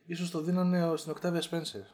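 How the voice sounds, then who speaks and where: Chatty man with an animated, slangy delivery. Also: fairly high pitch. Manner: animated, slangy, lots of fillers. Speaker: podcast co-host. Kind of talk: casual chat.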